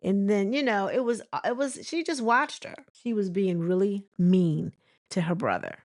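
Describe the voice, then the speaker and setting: A woman's voice: medium pitch, normal speed, darkish tone, no echo, clean studio sound. A woman chatting casually about celebrity gossip, rambling with lots of fillers and restarts. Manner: chatty and conversational. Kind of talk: casual commentary.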